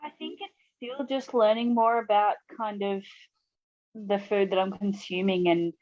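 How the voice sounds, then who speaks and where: A woman's voice: medium pitch, steady tone, a little slow, no room sound, lo-fi sound. A woman giving a casual check-in as a program participant, informal and hedging as she talks. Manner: informal, hedging with lots of "like" and "kind of".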